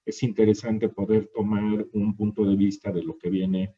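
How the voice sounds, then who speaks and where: A man's voice: fairly low pitch, little pitch movement, normal speed, warm tone, slightly rough. A man moderating an online industry webinar, hesitant and full of fillers, speaking over a video call. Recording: dull lo-fi call audio.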